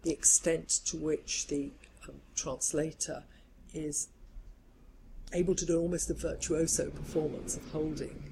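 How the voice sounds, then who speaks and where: A woman scholar talking in a measured, reflective way, building long careful sentences in an academic discussion. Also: deep voice, fairly even intonation, gravelly, mellow, poor audio. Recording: faint background noise.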